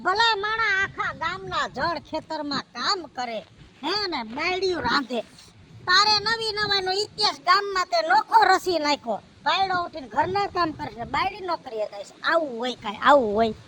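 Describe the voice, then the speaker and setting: A man playing a sharp-tongued old village aunt who scolds and lectures her nephew in a comedy skit. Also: very high-pitched, lively intonation, moderate pace, slight background noise, exaggerated voice. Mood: scolding. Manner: scolding, preachy advice. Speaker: comic actor.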